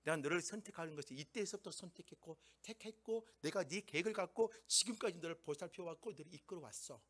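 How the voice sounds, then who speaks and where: A man's voice: a little high, fast talker, a bit bright. A man voicing God, who firmly reassures a frightened boy. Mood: reassuring. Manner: firm, reassuring.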